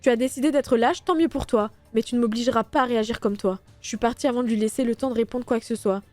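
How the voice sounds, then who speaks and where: A woman streamer reading a visual novel game aloud, voicing every character in turn with a lightly animated delivery. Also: on the high side, fast, no room sound, faint music behind. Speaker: let's play streamer.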